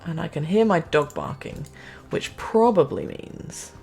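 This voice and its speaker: A woman's voice: low voice, expressive, unhurried, creaky, warm tone, husky, soft background music. A woman giving casual, self-mocking commentary as she plays a city-building game, chatting to herself and the game.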